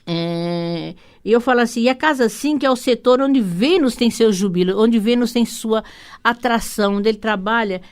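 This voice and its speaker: A woman's voice: on the high side, clear, resonant tone. A Brazilian woman hosting a radio talk show, explaining astrology in a rambling way, with many restarts and tag questions. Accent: Brazilian Portuguese. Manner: rambling, warm asides with frequent "né?" tags; hurried, many restarts and repeated words. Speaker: radio show host and holistic psychotherapist.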